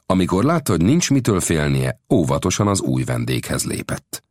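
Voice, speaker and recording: A man narrating an adventure novel aloud as an audiobook reader, with expressive storytelling. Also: low-pitched, dry recording, clean studio sound. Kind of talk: scripted narration.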